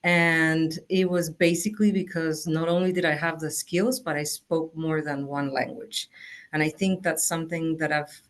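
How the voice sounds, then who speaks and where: Panelist: middle-aged woman from Peru, very low voice, storytelling, heard over a video call. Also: fairly even intonation, normal speed. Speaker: webinar panelist. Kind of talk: self-introduction on a webinar.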